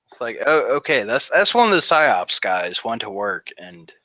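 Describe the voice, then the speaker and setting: A veteran in his thirties, a guest on a casual interview, takes his time telling a rambling war story full of "like" fillers, laughing at the grim points. His mid-range voice is sing-song, bright and forceful. There's no echo.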